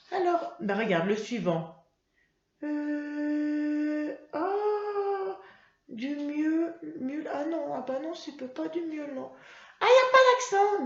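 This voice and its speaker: A woman's voice: high voice, pitched above the performer's own voice, exaggerated voice. [name], a woman doing a little girl pupil. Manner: stumbling guesses, sudden excited realizations. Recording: roomy, slightly dull sound.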